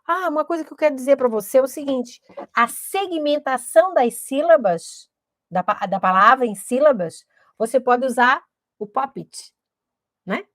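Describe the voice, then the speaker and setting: A woman's voice: high-pitched, lively intonation, normal speed, fairly bright tone, dry recording, clean studio sound. A woman explains teaching steps in a didactic manner, often checking in with her listeners. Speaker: literacy educator.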